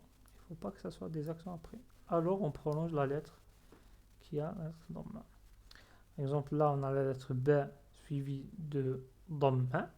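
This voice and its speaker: A teacher giving a recorded reading lesson, pronouncing each word slowly and clearly twice, then explaining patiently and quietly, with small self-corrections. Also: medium pitch.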